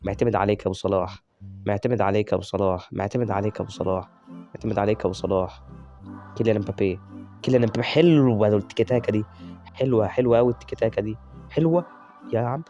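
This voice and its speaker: A man with an Egyptian Arabic accent narrates his football game at a quick clip, talking nonstop and cheering on his players by nickname. His voice is mellow and warm, and faint game music plays in the background. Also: on the low side, fairly even intonation, highs cut off. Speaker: gaming YouTuber. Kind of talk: live gameplay commentary.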